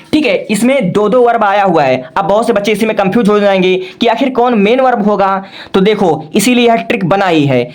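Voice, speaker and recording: Patient teacher spelling words out. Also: male voice, high voice. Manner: repeats "okay" as a check-in, spells words letter by letter; patient, step-by-step explaining. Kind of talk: classroom-style lesson.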